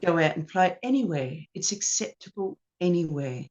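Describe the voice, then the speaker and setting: A woman's voice: lowish voice, normal speed. An Australian woman tells stories from her performing life in an interview, acting out what people said along the way. The recording sounds dull and lo-fi. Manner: animated anecdotes with acted-out quotes. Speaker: ukulele teacher and performer. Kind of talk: storytelling in an interview.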